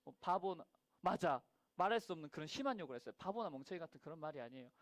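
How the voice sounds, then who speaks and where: High-voiced man telling a children's sermon. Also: very fast, no room sound. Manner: animated storyteller who acts out quoted lines and asks the children questions. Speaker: children's ministry preacher. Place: church worship room.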